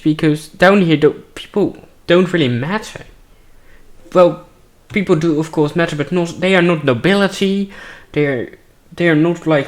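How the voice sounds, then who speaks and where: A man playing a wary male guide in a tabletop game who warns the party about a guarded cave. He talks with many fillers and a dry, sarcastic edge, in a slightly high voice. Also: close to an everyday voice.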